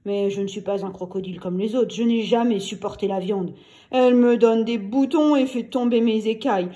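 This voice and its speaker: A woman voicing a kind, gentle male crocodile in a read-aloud storybook, talking calmly and reassuringly. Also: fairly high pitch, normal speed, close to an everyday voice. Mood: confiding.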